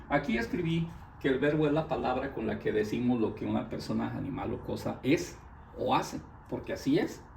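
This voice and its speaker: Gravelly-voiced man teaching a language lesson. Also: medium pitch, a little mellow, echoey room, a little hiss or hum, rough recording. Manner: patiently drills verb forms one by one; explains step by step to a student.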